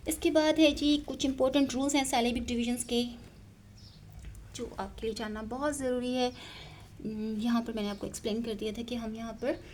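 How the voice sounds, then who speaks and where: Woman teacher explaining, slightly high voice. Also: darkish tone, slight background noise. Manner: explanatory, with many pauses and fillers, spelling words out letter by letter. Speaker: English teacher. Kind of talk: explaining a lesson in Hindi-Urdu mixed with English.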